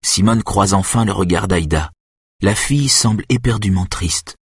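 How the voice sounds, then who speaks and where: A man narrating an audiobook in a steady, even storytelling way. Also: deep voice, moderate pace, slightly rough, dry recording, clean studio sound.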